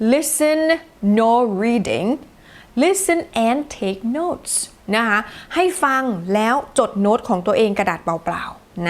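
A young woman teacher introducing her listening course in a chatty, lively way, switching between Thai and English. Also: fairly high pitch. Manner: chatty, lively, mixes Thai with English phrases, frequent polite particles.

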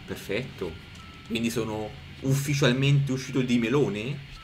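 A man of middle pitch talks his way through a horror game, jumpy, cursing and cracking jokes to himself. Loud game music runs underneath him the whole time. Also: measured pace. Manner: jumpy, swearing, joking to himself. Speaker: gaming streamer.

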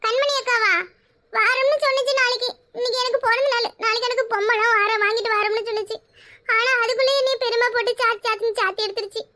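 A woman's voice: very high voice, steady tone, fast talker, pushed and bright. A woman voicing a scared little schoolboy who skipped school, pleading and fretful, with a Kanyakumari Tamil accent. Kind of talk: cartoon voice acting.

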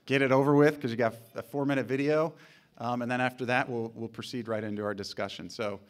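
A man in his forties, a council president, opening a conference panel from a podium mic on a hall stage, relaxed and joking with the audience. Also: mid-range voice, fast. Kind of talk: conference introduction.

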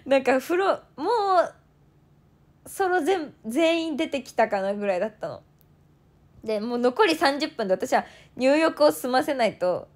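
A young woman in her twenties, chatting as she tells a story. Her voice sits high and jumps around a lot. She acts out what others said in quick bursts and laughs often. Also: darkish tone. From Toyama, Japan. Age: 20s. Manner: fast bursts of quoted speech. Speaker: idol turned streamer. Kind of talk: casual storytelling chat.

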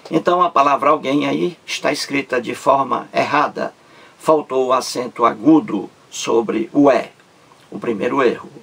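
Male teacher, husky voice, slow and deliberate, repeats words for emphasis. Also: medium pitch, a bit bright. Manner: slow, drawn-out syllables, repeats words to stress them. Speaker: Portuguese language teacher. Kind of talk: video grammar lesson.

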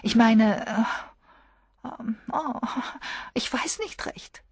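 A woman's voice: fairly high pitch, very slow, gravelly, breathy edge, dry recording, studio quality, pitched above the performer's own voice, heavily acted. Woman doing a whiny, flighty young lady. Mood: pleading. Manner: whiny, hesitant.

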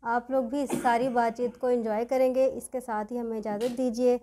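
A woman's voice: a little high, level tone, normal speed, dark tone, a little hiss or hum. A young woman, a media manager, politely thanking guests to close a panel in a small studio on a desk mic. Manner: polite, grateful. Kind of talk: formal closing remarks. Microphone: desk boom mic.

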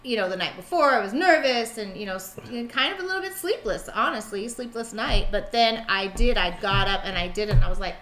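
Bright, animated woman telling stories. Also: mid-range voice, fairly quick, few pauses. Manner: animated storyteller, acts out voices in anecdotes. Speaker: ministry co-host and class teacher. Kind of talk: casual faith conversation.

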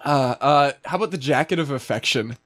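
A man's voice: mid-range voice, fairly quick, fairly bright tone, no echo. A man co-hosting a podcast, chatting casually through a film review with many fillers and frequent laughs. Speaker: podcast co-host.

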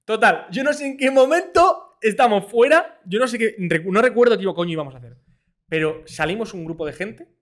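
A young man from Spain telling stories in a casual podcast chat, animated and swearing freely, sometimes mimicking other people's voices. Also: high voice, brisk. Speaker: podcast co-host.

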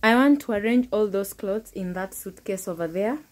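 A young woman vlogs from her bedroom on a phone, chatting to viewers as she tidies up. Her mid-range voice moves at a moderate pace, and she talks them through the cleanup casually with small restarts.

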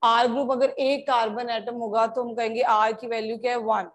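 A woman's voice: on the high side, little pitch movement, slight background noise. A woman from India teaching a chemistry class, switching between Hindi and English, calling her students "beta" and checking often that they follow. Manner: slow, deliberate explanation. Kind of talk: classroom lecture.

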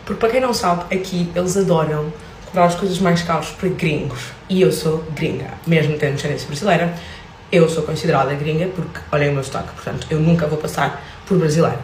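A woman's voice: low-pitched, quick pace, darkish tone. A woman with a European Portuguese accent, talking to camera in a playful, joking way and addressing viewers directly. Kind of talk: casual vlog talking to camera. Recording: roomy sound from away from the mic, faint noise.

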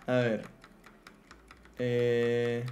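A man's voice: medium pitch, completely flat delivery, drawn-out words, a little mellow, a little hiss or hum. Playful streamer man chatting. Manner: chatty, playful, talks to his pet horse and the chat. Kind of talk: casual live gameplay chat.

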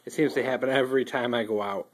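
Everyday man, mid pitch, loose unscripted show-and-tell on a phone, light hiss. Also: fast. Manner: relaxed, rambling, many ums and restarts. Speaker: outdoors gear reviewer. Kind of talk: casual show-and-tell review. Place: indoors at a wooden table. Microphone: handheld phone filming table close up.

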